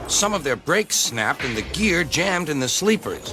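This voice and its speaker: A man narrating a children's train story in a measured, expressive reading. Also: a little high. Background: music.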